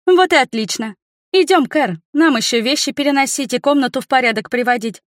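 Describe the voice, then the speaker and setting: A woman voicing a brisk, cheeky young woman student, an air mage, who talks fast and pushes hard. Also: high-pitched, dry recording, studio quality, voice pushed up, close to an everyday voice. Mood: bubbly, pushy. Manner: quick, bright and pushy.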